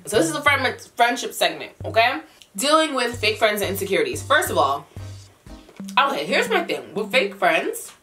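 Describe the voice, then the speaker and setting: A woman's voice: lowish voice, a bit bright. A young adult woman chatting casually as a vlogger answering viewer questions, candid with advice and repeating phrases for emphasis. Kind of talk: casual mukbang chat to camera.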